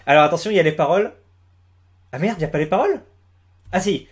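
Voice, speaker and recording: A man's voice: a little high, lively intonation, quick pace, breathy edge. Hesitant young man commenting at home. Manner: hesitant, many fillers and restarts. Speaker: YouTuber commenting on a music video. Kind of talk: casual commentary. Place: room at home with the door closed.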